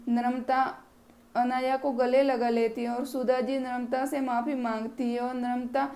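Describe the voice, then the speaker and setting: Woman narrating a family tale, high gravelly voice, pretty flat. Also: unhurried. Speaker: storyteller. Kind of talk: scripted story narration.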